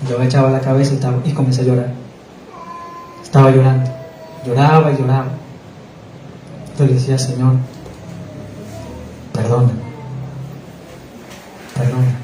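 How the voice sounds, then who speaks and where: A man giving an emotional personal testimony in a church, halting and repeating words as he tells his story. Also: medium pitch, monotone, dark tone. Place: church hall. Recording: echoey room, distant mic, faint noise.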